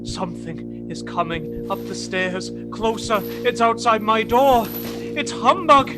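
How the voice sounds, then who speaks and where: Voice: mid-range voice, slow, close to an everyday voice. An actor playing Ebenezer Scrooge, a miserly old man, frightened yet defiant, in a theatrical radio play style. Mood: defiant, fearful. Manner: exclamatory, theatrical, stammering in fright. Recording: music under the voice.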